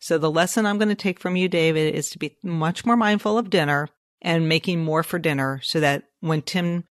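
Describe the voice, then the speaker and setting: A woman hosting a podcast, chatting in a friendly, easy way with quick asides. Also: sits low, no echo, clean studio sound. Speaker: podcast host. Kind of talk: casual podcast chat.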